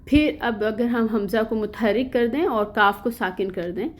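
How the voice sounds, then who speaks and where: A woman with a Pakistani Urdu accent teaching Quranic letter pronunciation in an online lesson, explaining patiently and repeating sounds slowly. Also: fairly high pitch.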